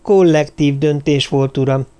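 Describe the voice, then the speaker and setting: A man's voice: on the high side, fairly even intonation, mellow, clear, resonant tone, voice pushed up, lightly acted. A man reading an audiobook, voicing a small, polite woman circus performer who answers questions earnestly and deferentially. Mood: worried. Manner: earnest and deferential, says "uram" often.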